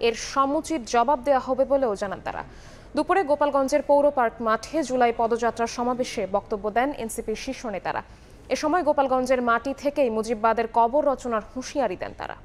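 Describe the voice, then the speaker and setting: A woman news anchor reading the bulletin in a crisp, even newsreader manner. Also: fairly high pitch, quick pace.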